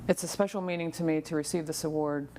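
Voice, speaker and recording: A woman's voice: low-pitched, fairly even intonation, quick pace, mellow, a little hiss or hum. A woman in her fifties delivering a prepared acceptance speech as an award recipient. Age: 50s.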